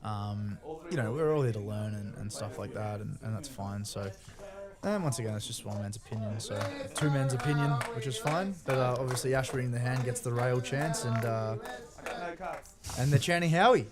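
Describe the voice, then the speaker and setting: A man's voice: medium pitch, moderate pace, music in the background. A man giving informal, explanatory strategy analysis as a poker co-commentator, often checking that the listener follows.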